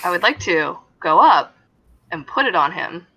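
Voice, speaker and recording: A woman's voice: lowish voice, sing-song, moderate pace, bright, forceful tone, husky. A woman playing in a tabletop game, hesitant and thinking aloud, now and then swearing, on a dull lo-fi recording. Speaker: player. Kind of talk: casual game talk.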